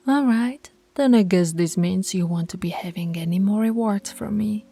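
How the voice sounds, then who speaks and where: Faint music plays behind a woman voicing a teasing, dominant female alpha of a werewolf pack for ASMR. She gives commands at normal speed in a dark, medium-pitched voice, often dropping to a breathy whisper, her mood stern and bossy.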